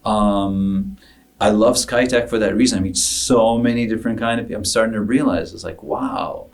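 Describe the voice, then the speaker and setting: A man from Africa who later moved to Canada, a business founder co-hosting a podcast, chats reflectively at a moderate pace in a fairly low voice. He tells anecdotes earnestly and acts out bits of dialogue, recorded on a distant microphone.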